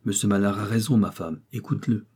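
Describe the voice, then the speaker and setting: A cautious, crafty old peasant miller drawls out his words, as a male reader voices him. His voice sits low and husky in this spoken storybook. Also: fast, darkish tone. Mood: guarded. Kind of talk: audiobook character voice.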